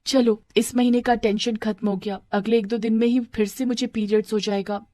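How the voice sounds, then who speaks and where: Woman doing a timid poor schoolgirl, high and soft. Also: steady tone, normal speed, slight background noise, close to an everyday voice. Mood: earnest. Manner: soft, pleading, pained.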